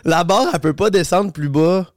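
A man with a Québécois accent and a slightly hoarse voice, telling lively stories on a casual podcast in a basement. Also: high voice, normal speed, dry recording, studio quality. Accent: Québécois French. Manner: animated anecdote telling, laughs often. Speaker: guest. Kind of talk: casual podcast chat, storytelling.

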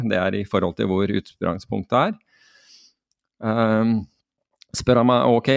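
Man, from Norway, gravelly, low voice, dry studio sound, animated anecdote. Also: no room sound. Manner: animated, many restarts and fillers. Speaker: podcast guest telling a skydiving story. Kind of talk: casual storytelling.

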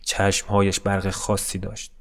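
Low, flat-voiced man reading a story. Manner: calm, melancholy, deadpan reading. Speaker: narrator. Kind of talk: scripted story narration. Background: faint music.

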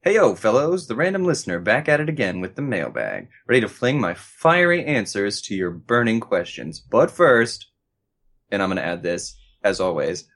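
A male podcast co-host with a fairly low voice, reading listener mail aloud. His delivery is playful and jokey, with casual banter. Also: sing-song, normal speed, fairly bright tone.

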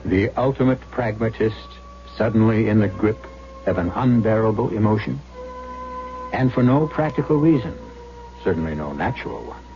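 Deep-toned man narrating radio suspense over music. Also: animated, moderate pace. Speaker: host and narrator. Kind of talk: dramatic scripted radio narration. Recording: dull old radio broadcast.

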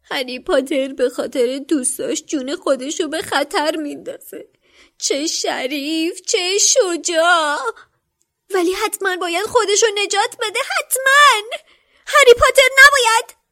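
A woman voicing a frantic, tearful little male house-elf servant with a squeaky, stammering voice, pitched far above her own. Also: bright, forceful tone, heavily acted. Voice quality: squeaky, shrill. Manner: whimpering, stammering, pleading. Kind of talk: audiobook character voice.

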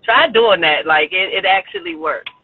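Over a tinny phone connection with faint road noise, a forties-aged man chats casually as a podcast guest from a car on the street. He sounds upbeat and encouraging, laughing a lot, and his slightly rough, high-sitting voice moves at normal speed.

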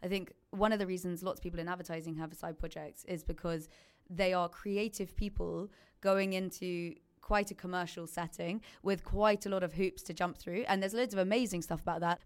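A woman hosting a podcast interview, talking in a thoughtful, measured way. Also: lowish voice, clear, resonant tone. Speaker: podcast host. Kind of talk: casual interview chat.

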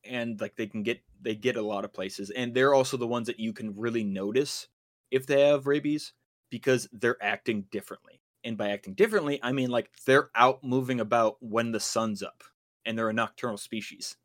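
A man's voice: medium pitch, fairly even intonation, fairly quick. Rambling chatty man. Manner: rambling, many fillers and restarts. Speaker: podcast co-host. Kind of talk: casual chat.

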